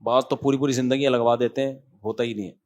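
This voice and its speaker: A man's voice: mid-range voice, fairly even intonation, a little mellow. A middle-aged man with a Pakistani Urdu accent, a tired cleric reading out written questions and answering them in a conversational sermon, often calling listeners brother.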